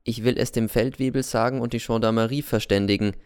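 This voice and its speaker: Male audiobook narrator, resonant and clear, mid-pitched, introspective. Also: fairly even intonation, darkish tone, no room sound, clean studio sound. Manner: measured, introspective first-person telling.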